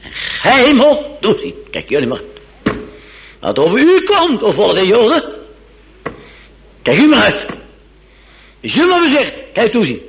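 A man voicing a defensive Roman governor who loudly insists on his innocence, declaiming and repeating himself. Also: high-pitched, wildly swooping pitch, measured pace, vocal fry, pauses often, voice pushed up, full character voice, rough recording. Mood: taunting.

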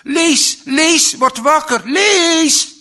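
A man reading a story voices a panicked mother, crying out in a shrill, frantic voice. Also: very slow, bright, forceful tone, heavily acted. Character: panicked mother screaming for her son.

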